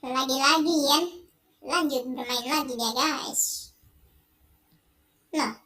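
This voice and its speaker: High-voiced excitable gaming host. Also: slow pace. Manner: excitable, frequent exclamations. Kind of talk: gaming commentary.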